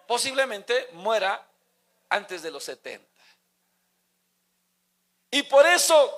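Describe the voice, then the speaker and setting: A man's voice: very high-pitched, vocal fry, sharp tone. A man, preaching a sermon and putting emphatic questions to his congregation.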